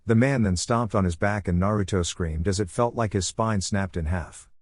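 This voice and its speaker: A man reading a fan-written story aloud in a steady, even narration. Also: fairly low pitch, moderate pace.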